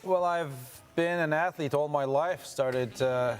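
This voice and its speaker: A man from Turkey, a guest in an interview, telling his story in a measured, reflective way. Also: a little high, soft background music. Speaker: guest adventurer. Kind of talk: interview answers.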